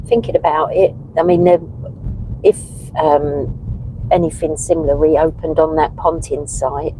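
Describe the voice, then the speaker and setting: Slow, low, mellow woman. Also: steady tone, poor audio. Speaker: passenger reading out live chat comments. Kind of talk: casual live stream chat. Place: inside a moving car. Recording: faint car road noise. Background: vehicle noise.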